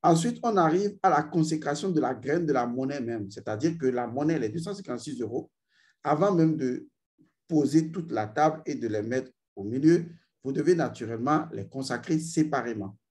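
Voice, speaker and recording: A man teaching a spiritual ritual, speaking slowly and intoning drawn-out vowel sounds for his students. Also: mid-range voice, expressive, darkish tone. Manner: addresses learners directly, repeats "vous voyez". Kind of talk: esoteric ritual instruction.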